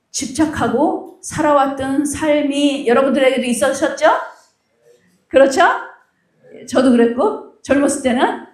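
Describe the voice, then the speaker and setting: A middle-aged woman pastor preaching with a fairly high voice, recorded from some distance in a roomy church hall. She tells her sermon story in an animated way and slips into the voices of the people in it. The room's echo hangs around every phrase. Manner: animated storyteller, acts out quoted dialogue.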